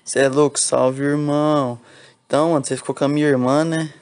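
A man speaking loudly in casual slang. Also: fairly high pitch, fairly even intonation, fairly quick, background noise.

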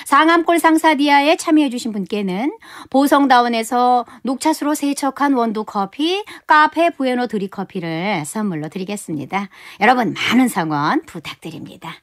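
A woman's voice: fairly high pitch, lively intonation, normal speed, few pauses, no room sound, studio quality. A middle-aged woman co-hosting a radio show, chatty and teasing. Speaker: radio co-host. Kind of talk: scripted radio chat and comic skit.

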